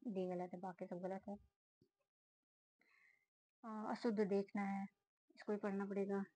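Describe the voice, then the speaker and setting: A woman talks through an exam paper, reading options aloud and ruling on each one in a few words. Her voice is mellow and warm, and the recording is dry with no room sound. She speaks casually, like a student thinking out loud. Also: medium pitch, level tone, dry recording, rough recording. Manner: reads options aloud, then quick verdicts. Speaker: student solving a test series. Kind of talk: casual spoken walkthrough of exam answers.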